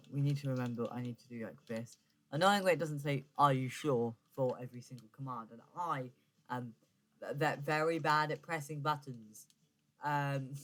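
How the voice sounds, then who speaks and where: A man's voice: medium pitch, fairly bright tone. A young man giving casual, rambling gameplay commentary, full of fillers and self-corrections. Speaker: gaming YouTuber.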